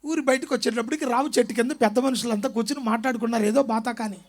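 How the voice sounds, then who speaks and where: A man preaching a sermon with an Andhra Telugu accent, telling a story dramatically and acting out village elders, moving between soft asides and loud shouts. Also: very high voice, steady tone, racing. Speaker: pastor.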